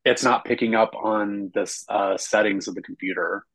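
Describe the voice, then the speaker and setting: A man's voice: on the low side, steady tone, moderate pace, a bit bright, no echo. A man co-hosting a podcast in casual, joking chat, his voice thin and tinny as if talking inside a tin can because his microphone is faulty. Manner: casual, joking, swears freely. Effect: tinny sound from a faulty microphone, like talking in a tin can. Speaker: podcast co-host.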